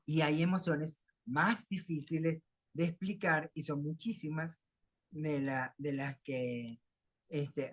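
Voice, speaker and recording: Venezuelan male lecturer, middle-aged, slightly high voice, dry close sound, restarts phrases often. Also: no room sound. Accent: Venezuelan Spanish. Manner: explains with homely everyday examples, frequent self-restarts. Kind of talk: academic lecture.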